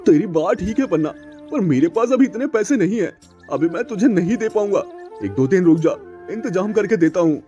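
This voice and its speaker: A man's voice: sits high, animated, normal speed, warm tone, muffled recording, faint music behind, voice pushed up. A man voicing an honest, loyal village farmer in a cartoon story, talking in an earnest, pleading way. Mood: friendly.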